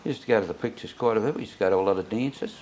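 Low-voiced elderly Australian veteran reminiscing. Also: male voice, racing, darkish tone, a little hiss or hum, poor audio. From Sydney, Australia. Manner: old veteran remembering, rambling and anecdotal. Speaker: interviewee, war veteran. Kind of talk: oral history reminiscence.

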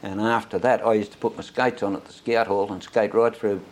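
This elderly Sydney man has a fairly low voice and a flat delivery, talking a little fast. Looking back on his life as a veteran, he wanders from anecdote to anecdote in oral-history style while noticeable noise sits behind him.

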